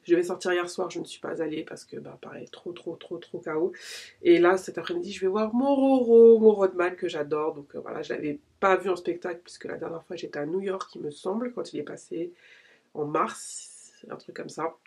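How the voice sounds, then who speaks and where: Her lowish voice is brisk and a little mellow, with a breathy edge. She's a beauty vlogger in her late thirties doing her skincare at home in natural daylight, chatting casually in a rambling, slangy way.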